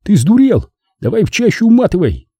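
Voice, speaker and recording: A man's voice: a little high, sing-song, normal speed, dark tone, breathy edge, dry recording, voice pushed up. A man doing a hissing frightened soldier. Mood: alarmed. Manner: tense, hissed urgency. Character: frightened wounded male soldier, hissing urgently.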